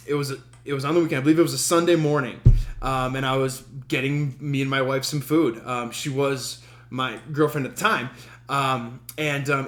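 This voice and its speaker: A man from Denver hosting his podcast, telling a story in a casual, halting way full of ums, with a wry, self-amused humor. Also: medium pitch, fairly bright tone, echoey room. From Denver, USA. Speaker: podcast host.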